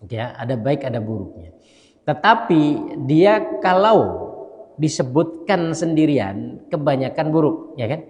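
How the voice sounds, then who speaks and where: A male mosque imam giving a casual dawn study lecture. He talks conversationally, often checks with listeners through tag questions, and slowly spells out Arabic letters. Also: a little high, sing-song, a little mellow. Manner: conversational, keeps asking listeners "ya kan?". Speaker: mosque imam and religious teacher. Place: large mosque. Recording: long hall reverb in a mosque.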